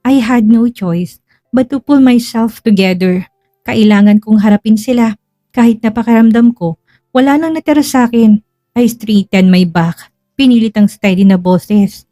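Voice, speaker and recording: Woman storyteller, dramatic first-person tale, slow, hushed, mellow, faint music underneath. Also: medium pitch, no echo, clean studio sound.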